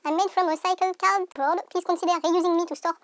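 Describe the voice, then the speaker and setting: A chirpy little talking gift box, put on by a woman, piping in a very high, sing-song voice. It sounds dry and set back a little from the mic. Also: steady tone, a little fast, dry recording.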